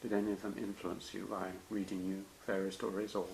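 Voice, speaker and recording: A man interviewing a longtime colleague, asking gentle, prompting questions with a light touch of humour. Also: low voice, level tone, fairly quick, a little hiss or hum, rough recording.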